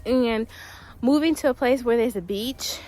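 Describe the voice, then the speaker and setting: A young woman talking casually while walking a quiet wooded trail in winter, a little out of breath, with many ums. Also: a little high, unhurried. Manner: chatty, laughs often, many ums. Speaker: vlogger.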